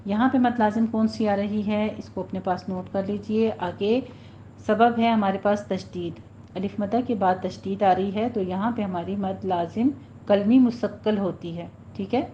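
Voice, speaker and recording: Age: adult. Sex: woman. Role: Quran recitation teacher. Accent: Pakistani Urdu. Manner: patient, stretches out sample words slowly. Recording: dull lo-fi, faint hiss. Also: mid-range voice, steady tone, dark tone. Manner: patient instructional, drawn-out demonstrations of words. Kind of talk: tajweed lesson, explaining and demonstrating recitation.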